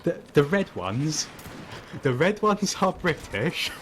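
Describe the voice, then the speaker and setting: A man's voice: on the high side, sing-song, slow pace, fairly bright tone, a little hiss or hum. A young man guesting on a game stream, chatting casually, laughing often and joking sarcastically about himself. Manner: laughs often, self-deprecating, playfully sarcastic. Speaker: guest YouTuber. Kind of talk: casual gaming chat.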